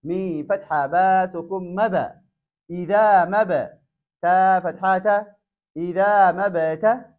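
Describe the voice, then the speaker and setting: A man with a high voice leads a Quran reading lesson, spelling letter by letter before blending syllables into words. He moves at an unhurried, careful pace. The recording is dull and lo-fi. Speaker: Quran teacher.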